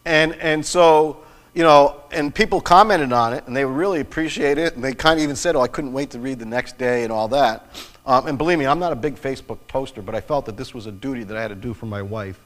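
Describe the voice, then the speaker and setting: A man's voice: medium pitch, quick pace, a bit bright. Man preaching in a reverberant church. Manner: earnest, personal storytelling with restarts. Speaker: pastor. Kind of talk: sermon. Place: church sanctuary.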